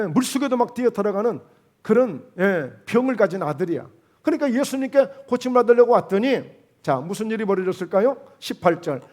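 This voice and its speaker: In a church sanctuary, a pastor with a Jeolla Korean accent preaches a sermon in a high, slightly mellow male voice. He speaks emphatically, posing rhetorical questions and quoting dialogue.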